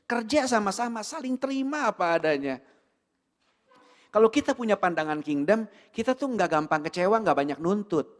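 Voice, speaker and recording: Indonesian guy preaching, kinda high voice, lots of "right?" and english words thrown in, big echoey church hall. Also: moderate pace. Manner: animated, mixes English words, rhetorical questions. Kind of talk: sermon. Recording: long hall reverb.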